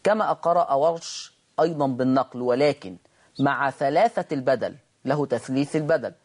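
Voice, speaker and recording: A middle-aged man with an Egyptian accent teaching a televised Quran recitation lesson. He explains quickly in a mix of dialect and formal Arabic, then slowly chants the example words. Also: mid-range voice, a little mellow.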